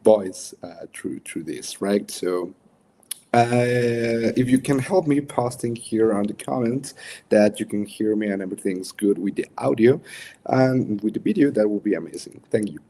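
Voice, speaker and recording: Young man, Mexican accent, native Spanish speaker, slow halting delivery, mellow tone, casual livestream coach, noisy background. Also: lowish voice. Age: young adult. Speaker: coach hosting a livestream workshop. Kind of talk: casual livestream teaching chat.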